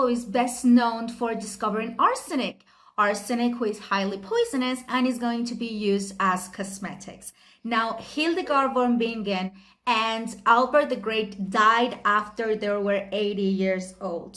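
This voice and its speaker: A woman with a fairly high voice hosts a casual history explainer. She talks in a friendly, conversational way and breaks off for quick self-aware asides. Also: fairly even intonation, a bit bright. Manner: chatty, with frequent asides and light laughs. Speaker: history video host.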